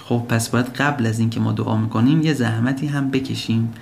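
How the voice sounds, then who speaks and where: A man's voice: medium pitch, steady tone, gravelly, a little mellow, faint music behind. A man preaching a sermon, posing rhetorical questions and pressing his points with rising emphasis. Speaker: religious preacher.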